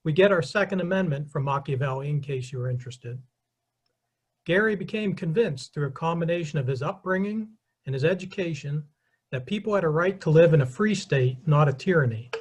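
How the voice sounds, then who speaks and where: A middle-aged man giving a brisk history lecture with slides, addressing the audience directly and explaining clearly. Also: fairly high pitch.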